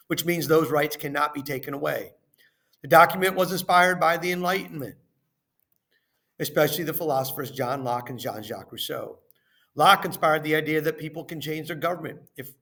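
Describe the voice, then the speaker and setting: This slightly high, gravelly, somewhat bright male voice reads out a lesson and worksheet questions in a teacher's deliberate, instructional manner. Phrase openings get the emphasis, while endings fade away.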